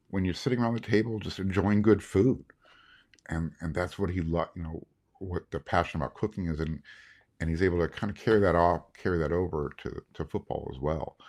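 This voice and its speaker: A man's voice: sits low, a little mellow. A man hosting a sports podcast, recapping in a casual, rambling way with many fillers and restarts. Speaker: podcast host.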